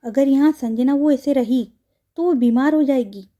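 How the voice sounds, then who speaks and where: A woman reading a worried young woman friend in a storybook audio drama, anxious and caring. Her voice is soft, warm and fairly high. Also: normal speed, natural voice.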